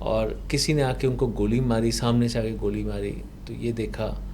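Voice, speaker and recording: A man whose first language is Punjabi, a past life regression therapist in a podcast interview, recounting a client's session slowly with rhetorical questions. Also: fairly low pitch, flat delivery, warm tone, slight background noise. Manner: slow, explanatory storytelling with rhetorical questions.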